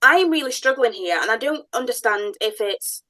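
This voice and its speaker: A woman with a bright, fairly high voice hosts a podcast, chatting enthusiastically and telling stories in an animated way. Her voice sounds close and dry. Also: moderate pace, no echo, low-quality recording. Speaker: podcast host, business owner. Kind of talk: casual podcast conversation.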